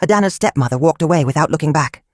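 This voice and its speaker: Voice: medium pitch, lively intonation, fast, dry recording, studio quality. A storyteller narrating a folktale in short, simple, clipped sentences.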